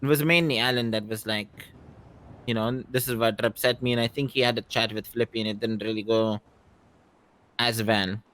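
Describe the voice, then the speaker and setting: A man in a casual roleplay conversation, speaking reflectively and haltingly, often saying "you know". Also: mid-range voice, fairly even intonation, a bit bright. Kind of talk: in-character gaming roleplay conversation.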